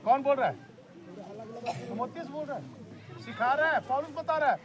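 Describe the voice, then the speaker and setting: A man's voice: very high voice, animated, normal speed, a little hiss or hum. A man preaching an outdoor sermon by a river, urging the crowd to repeat his lines back to him. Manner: exhorting, leads call-and-response with the crowd. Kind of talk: outdoor sermon at a church picnic. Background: crowd of listeners.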